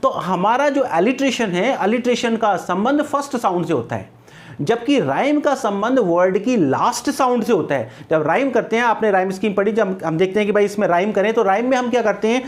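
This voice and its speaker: A man teaching an exam-prep class, asking his students questions and then answering them himself. He slows down carefully to spell out words and examples, then moves on in a steady classroom voice. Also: sits high. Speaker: English teacher.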